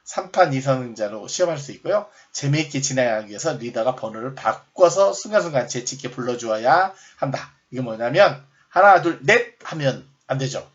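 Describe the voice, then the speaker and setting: A man teaching recreation games in a recorded lecture, explaining step by step, rephrasing often and shouting sample game calls. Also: medium pitch, animated, brisk, hardly any pauses, highs cut off. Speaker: recreation instructor.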